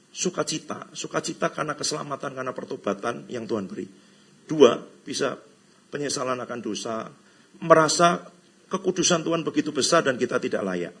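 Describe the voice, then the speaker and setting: A middle-aged man from Indonesia preaches in a loose, conversational way, teasing his listeners and tossing in English phrases. His voice is gravelly and husky, sits a touch high, and leaps around in pitch. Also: fairly bright tone. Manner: chatty, teasing, mixes in English phrases and playful quoted voices. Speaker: pastor. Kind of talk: conversational sermon. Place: church hall.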